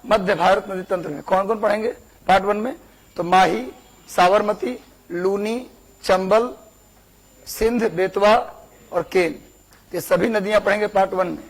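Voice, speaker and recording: A man's voice: sits high, normal speed, rough recording. A young man, teaching a class, repeating words for dictation and asking the students questions. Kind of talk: classroom lecture.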